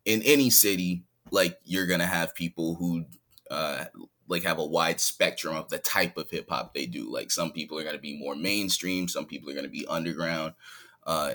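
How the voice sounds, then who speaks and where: His voice sits low with a sharp tone. The speaker, a rapper from San Diego, California who lives in Hawaii, guests on a podcast via remote call from home, chatting in a relaxed way and laughing readily.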